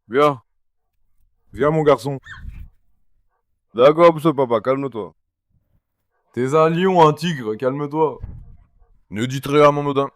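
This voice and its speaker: A man with a medium-pitched voice, recorded without echo, talks casually to camera in a vlog. He's outside on a farm with animals, handling his dogs and repeatedly coaxing and calling them.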